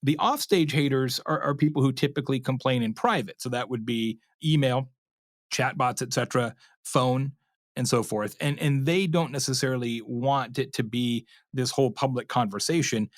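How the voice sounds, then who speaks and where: A medium-pitched man speaks at a moderate pace over clean studio sound without echo. As an expert being interviewed, he explains conversationally and tells stories with energy, playing out imagined customer quotes and checking in with "right?"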